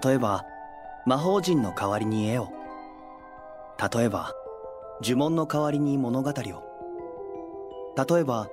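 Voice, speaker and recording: A woman playing an earnest, timid young art student boy in an anime audio drama, polite and easily flustered. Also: rumbling low.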